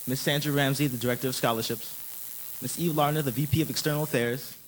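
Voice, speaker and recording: Man rattling off acknowledgments quickly. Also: medium pitch, steady tone, slight background noise, low-quality recording. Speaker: student presenter giving thanks. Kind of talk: reading a list of acknowledgments.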